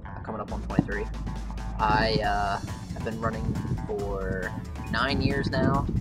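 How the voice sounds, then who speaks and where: A young man in his twenties speaks about his training in a relaxed, plain way, his voice on the lower side. The mic sits some distance away, and a clear music bed runs underneath. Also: measured pace. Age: 20s. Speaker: college runner. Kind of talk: documentary interview. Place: campus location.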